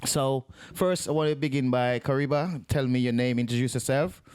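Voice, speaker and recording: Joking, halting middle-aged male host. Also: medium pitch, fairly even intonation, clear, resonant tone, no echo. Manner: warm, joking, repetitive, halting. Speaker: podcast host. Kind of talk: casual interview.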